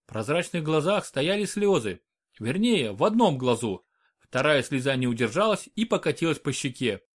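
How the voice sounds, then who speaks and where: A man narrating an audiobook in an expressive storytelling manner. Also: fairly high pitch, normal speed. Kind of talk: scripted narration.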